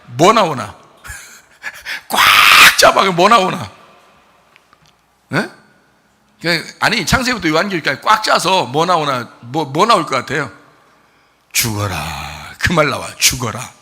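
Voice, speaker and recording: A male pastor delivering a sermon, emphatic and full of rhetorical questions, moving between quiet explanation and loud insistence. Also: fairly high pitch, sing-song, moderate pace, pauses often, husky. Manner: emphatic preaching, swings from soft to loud.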